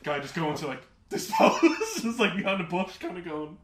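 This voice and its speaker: Rambling animated man in a roomy space. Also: sits high, a little fast, a crowd in the background. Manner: rambling, animated storyteller, full of "like"s. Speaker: podcast co-host. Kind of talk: casual gaming chat. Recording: roomy with faint hiss.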